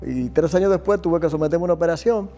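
This is a host with a mellow, fairly high voice who asks his guest questions and shares his own experience. He listens closely and reacts with quick exclamations. Light music plays underneath. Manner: attentive, reacts with short exclamations. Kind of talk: interview conversation.

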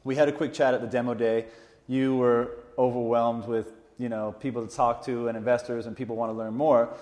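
A man's voice: medium pitch, flat delivery, fairly quick, darkish tone, in a large hall. A man hosting an interview, asking casual, rambling questions. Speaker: interviewer host. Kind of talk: conversational interview.

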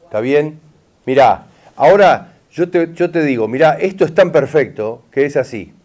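"¿Está bien?" and "mirá" come up again and again as a middle-aged Rioplatense therapist insistently confirms he is understood during a consultation with an audience member. His fairly high, darkish voice is animated and moves at a normal speed.

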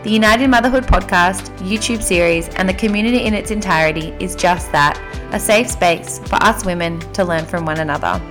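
A woman's voice: lowish voice, a little fast, over music. A young woman with an Australian accent, hosting a podcast in a chatty, informal, teasing way. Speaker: podcast host. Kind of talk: casual podcast chat.

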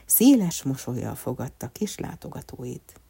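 A woman narrating a children's storybook in a measured, expressive way. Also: very deep voice, creaky, husky.

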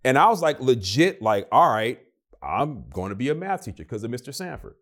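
A young man telling a story in a relaxed interview, his pitch swinging widely as he slips into the voices of the people in it. He talks loosely and animatedly, with a middle-pitched voice. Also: a little fast. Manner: animated, acts out quoted voices. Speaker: guest. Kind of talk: casual storytelling.

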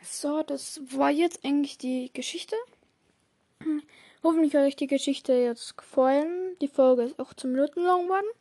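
A woman's voice: high voice, moderate pace, dark tone. A woman chatting casually in an outro, rambling and correcting herself as she goes. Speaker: channel host.

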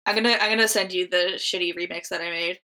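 Woman, podcast co-host; bright, sharp tone, joking, rambling delivery full of "like". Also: fairly low pitch, fairly even intonation. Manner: rambling, heavy use of "like", quick jokes. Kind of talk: casual chat.

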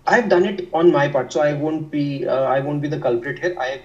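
A man's voice: a little high, normal speed, a little mellow, far from the mic, muffled recording. A young man from India with a North Indian accent, talking conversationally as an interview guest in an explanatory, self-repeating way. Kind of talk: conversational discussion of work life.

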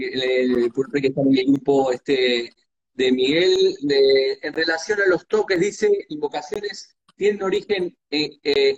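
Guy hosting a live chat, husky voice, kinda muffled lo-fi sound. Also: fairly high pitch. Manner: relaxed, many "este" fillers. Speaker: host of a live online talk. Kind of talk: casual chat, reading viewer comments. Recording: dull, muffled lo-fi audio.

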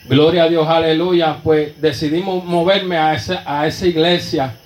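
A man's voice: a little high, steady tone, normal speed, reverberant, poor audio. A man with a Puerto Rican Spanish accent preaching a sermon testimony in a church, fervent and constantly breaking into praise. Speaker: pastor.

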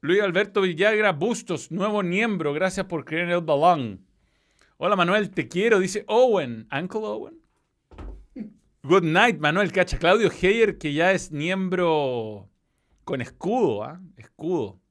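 A man's voice: high-pitched, expressive, measured pace, fairly bright tone. A man with a Chilean accent hosting a football stream in casual chat, loose and swearing freely as he reads out chat messages. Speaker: football show host.

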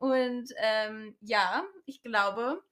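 A young woman talking about her favorite books in a relaxed chat with a co-host. Her voice is a little higher than usual for a woman. She hesitates often and rambles, with plenty of fillers. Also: very slow. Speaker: podcast co-host. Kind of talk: casual book chat.

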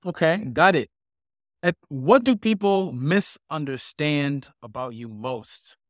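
A man hosting a podcast, upbeat, who reacts briefly and then asks his guest the next question. His voice sits fairly high and the recording is dry. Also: lively intonation, slow, fairly bright tone, no room sound. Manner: upbeat, short reactions before asking questions. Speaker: podcast host. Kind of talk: podcast interview.

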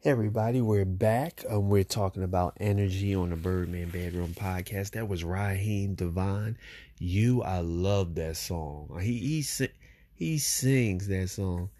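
A middle-aged man hosts his own podcast in an easygoing, rambling way, circling back and repeating his points. His voice sits a little low. He fills the gaps between songs with loose, unhurried talk full of fillers. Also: mellow. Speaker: podcast host.

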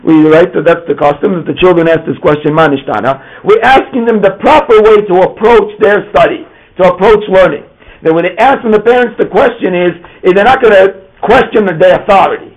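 A man's voice: high voice, fairly quick. A man teaching an informal Torah class, often repeating words and asking "right?" as he goes. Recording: muffled lo-fi room recording.

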